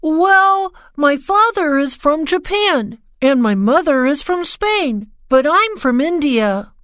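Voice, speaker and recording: Woman as an eager schoolboy, high, slow, dry studio. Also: sing-song, fairly bright tone, dry recording, full character voice. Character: young schoolboy pupil. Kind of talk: slow scripted textbook dialogue.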